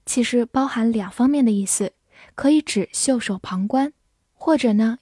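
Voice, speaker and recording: Slow, mellow-voiced woman teaching vocabulary. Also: fairly high pitch, slightly rough, dry recording, clean studio sound. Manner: spells words letter by letter and reads example sentences slowly. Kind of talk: scripted vocabulary lesson.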